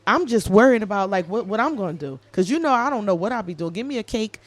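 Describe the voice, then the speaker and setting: A woman in her late thirties co-hosting a podcast, talking in a casual, animated, jokey and heartfelt way. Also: mid-range voice, fast talker. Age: 30s. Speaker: podcast co-host. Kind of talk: casual chat.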